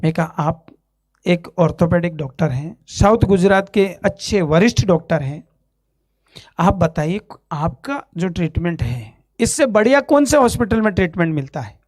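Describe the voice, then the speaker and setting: Man from Ajmer, India, church testimony speaker, animated storyteller who acts out the dialogue, dry sound. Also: high voice, normal speed, no room sound. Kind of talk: spoken testimony on stage. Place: church stage.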